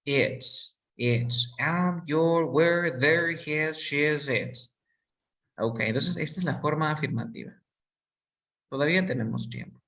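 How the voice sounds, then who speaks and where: Slow patient English teacher. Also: medium pitch, a bit bright, distant mic. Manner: slow and patient, repeats each word for students. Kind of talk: basic English lesson, drilling pronunciation.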